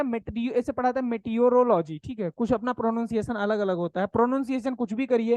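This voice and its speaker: A woman teacher delivers a classroom lecture in a fairly high voice, recorded dry and close with no room sound. She talks plainly and conversationally, slipping English terms into her sentences. She keeps asking rhetorical questions and tagging lines with quick checks like "right?" to keep the class with her. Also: darkish tone, no room sound. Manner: asks rhetorical questions and ends phrases with "है ना?" and "ठीक है?". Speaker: agriculture exam coaching teacher.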